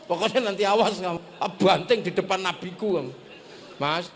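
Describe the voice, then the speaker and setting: A man putting on a soft, gentle holy man. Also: a little hiss or hum. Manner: soft, low, slow. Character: gentle, calm holy man speaking softly.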